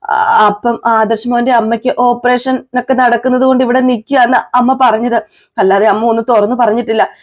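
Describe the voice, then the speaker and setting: A woman's voice: on the high side, fairly even intonation, brisk, lightly acted. A woman reviewer voicing an anxious middle-aged mother who soothes her daughter. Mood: soothing.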